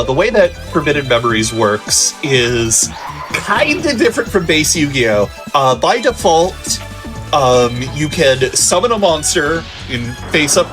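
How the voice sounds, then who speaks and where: A man commentating on a speedrun, calmly explaining the game's rules with frequent ums. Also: a little high. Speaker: guest commentator. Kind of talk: explaining game mechanics. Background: game music.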